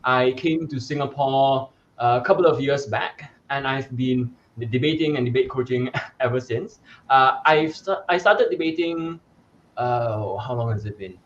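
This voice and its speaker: A young debate coach from Sarawak, Malaysia, answers interview questions in an articulate, explanatory way, with some fillers and restarts. His voice is medium-pitched at a normal speed, and the recording is muffled.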